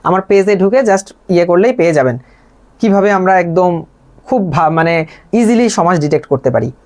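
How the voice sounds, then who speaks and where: A young man teaching a live online grammar class, patiently repeating each example and asking quick check questions. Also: high-pitched, lively intonation, a little mellow. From Bangladesh.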